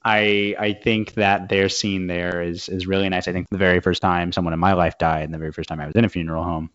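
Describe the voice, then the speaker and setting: Man podcast co-host, very low voice, thoughtful halting delivery, dry dull recording. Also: level tone, fairly bright tone, no echo. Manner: thoughtful, halting, repeats words. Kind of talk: casual podcast chat.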